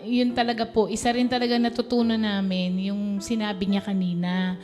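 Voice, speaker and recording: A woman's voice: mid-range voice, little pitch movement, moderate pace, darkish tone. A woman speaking earnestly at a prayer meeting, stressing her points.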